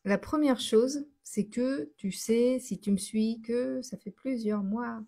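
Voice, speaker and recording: A woman's voice: fairly high pitch, slow, creaky, warm tone. A woman hosting her own live stream in a casual, chatty way, answering viewers as she goes, laughing often and often restarting her sentences. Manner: restarts and self-corrects often. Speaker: host of a daily live stream.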